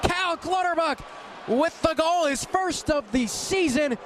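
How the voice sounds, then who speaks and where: Calling a live hockey game on the radio, a man with a very high voice keeps a measured pace while staying excitable, urgent and clipped as he describes the play. Loud arena ambience surrounds the broadcast.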